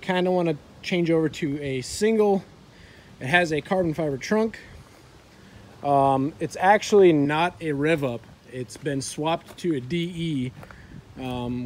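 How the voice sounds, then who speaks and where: A young man talking casually like a vlogger, with laid-back skater-bro slang. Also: a little high. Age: young adult. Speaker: car vlogger. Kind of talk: casual vlog talk. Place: outdoors, driveway and open skatepark. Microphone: phone held at arm's length. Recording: outdoor phone recording with ambient noise.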